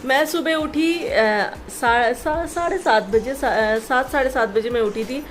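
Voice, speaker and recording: A high-voiced woman in her thirties with a Jharkhand Hindi accent chats as she cooks in her home kitchen. She tells her story in a loose, talkative way. Faint music plays under her voice. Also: unhurried. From India. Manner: chatty, storytelling, talks while cooking. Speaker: vlogger. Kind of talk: casual home vlog chat.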